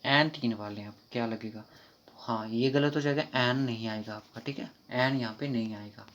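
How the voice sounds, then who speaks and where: A man with a Kashmiri accent runs an online grammar class in a mid-pitched voice, explaining fast and informally. He slows right down whenever he reads an English sentence aloud. The recording is dull and lo-fi. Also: a bit bright, slight background noise. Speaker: exam prep teacher.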